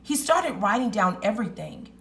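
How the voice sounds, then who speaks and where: A woman teacher reads a children's story aloud, telling it in an expressive, deliberate, emphatic way. Her voice is medium-pitched and creaky.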